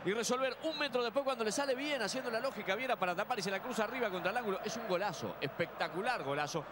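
Male football colour commentator, high pitch, emphatic clipped phrasing, heavy stadium noise. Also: lively intonation, rapid-fire. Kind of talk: live match analysis. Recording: loud stadium noise behind the voice. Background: football stadium ambience.

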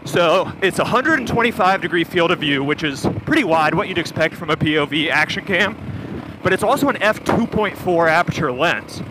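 A man with a fairly high, expressive voice talks at a normal pace over a helmet intercom while riding a motorcycle. He's a video producer reviewing gear, explaining its features in detail in a matter-of-fact, casual way. Wind and engine noise run through the intercom audio.

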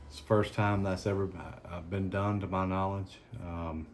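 A man with a Southern accent, hosting a casual unboxing chat in an unhurried, halting way with many ums and restarts. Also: low-pitched, little pitch movement, slight background noise. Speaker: cigar channel host.

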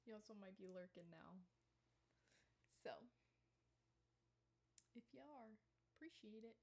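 A young woman streaming a game, chatting softly and giggling often, with a slight sore throat and a little cough. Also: mid-range voice, animated, takes it slowly, vocal fry, slightly rough. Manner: soft-spoken and giggly. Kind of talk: casual gaming stream chat.

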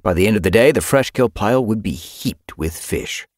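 A deep-voiced man narrates a fantasy audiobook, his delivery animated and full of rise and fall. The sound is close and completely dry, a studio read with no room around it. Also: moderate pace, no echo. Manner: expressive, animated storytelling.

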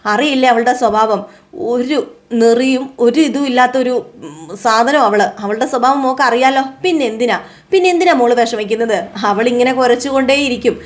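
A woman recapping a serial voices a middle-aged father comforting his daughter. He speaks slowly and gently, pausing between his words, and the voice stays the storyteller's own. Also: a little high, natural voice. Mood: consoling.

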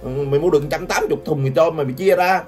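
A woman's voice: sits low, racing, darkish tone. An older woman giving taunting gossip commentary, laughing often and constantly addressing her viewers. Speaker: gossip vlogger. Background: background music.

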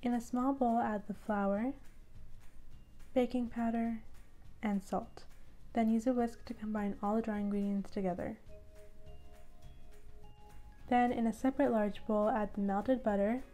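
A woman's voice: medium pitch, fairly even intonation, normal speed, long pauses, warm tone, soft background music. A young woman hosting her own cooking channel, talking viewers through an easy recipe step by step in an upbeat, chatty way. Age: young adult. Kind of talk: friendly recipe tutorial. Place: indoor room at home.

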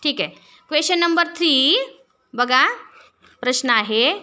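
Slow, high-voiced woman teacher. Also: expressive, bright, forceful tone. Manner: slow, explains each word twice; drills students with questions. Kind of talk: classroom lesson.

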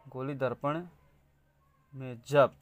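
Slow, repetitive Indian male teacher. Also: mid-range voice, steady tone, no room sound. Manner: slow, repeats key words while writing. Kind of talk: exam-prep lesson.

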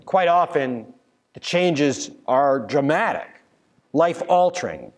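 A young adult man preaching a sermon as pastor from a church pulpit, telling the story earnestly with restarts and fillers. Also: a little high. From United States. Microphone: pulpit mic from a far camera. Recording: long church reverb.

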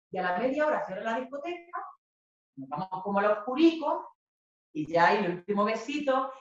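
A woman from Spain performing a theatrical monologue, animated, acting out scenes and bursting into shouts. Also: on the high side, slight background noise. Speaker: theatre performer giving a talk. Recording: echoey room, distant dull mic.

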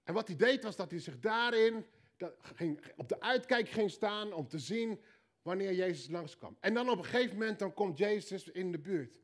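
A man with a Dutch accent preaching a sermon, telling a story with punchy repeated lines and quiet joking asides. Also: high-pitched, lively intonation, normal speed. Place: church hall.

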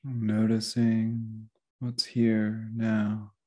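Leading a guided meditation, a man in the role of teacher talks softly and slowly with long pauses between phrases, his lowish voice holding to a monotone.

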